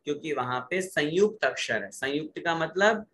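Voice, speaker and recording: A man teaching careful pronunciation of sacred verses, slowly chanting each phrase for students to repeat and then explaining the rules more briskly. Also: fairly high pitch, animated, a bit bright, slight background noise, rough recording. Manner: slow drawn-out recitation alternating with brisk explanation. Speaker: religious recitation teacher.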